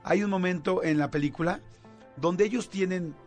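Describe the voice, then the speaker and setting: A man with a Mexican accent hosting a radio show, telling a story in a lively way with lots of fillers. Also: sits high, normal speed, faint music behind. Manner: animated storytelling with many fillers. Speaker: radio host. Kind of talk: casual radio chat.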